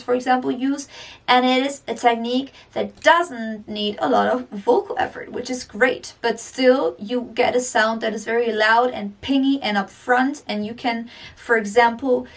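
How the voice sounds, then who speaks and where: A woman's voice: on the high side, gravelly, far from the mic. A woman teaching singing in an upbeat manner, explaining techniques and then demonstrating the sounds herself. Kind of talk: vocal lesson with demonstrations.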